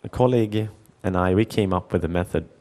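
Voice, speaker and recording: A man's voice: deep voice, a little fast, warm tone. A middle-aged man giving a conference talk, telling a story with many restarts and repeated words and acting out the dialogue. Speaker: conference speaker.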